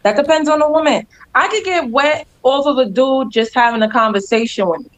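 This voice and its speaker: A woman's voice: sits high, brisk, rough recording. A woman co-hosting a casual chat, talking bluntly and frankly with emphatic opinions.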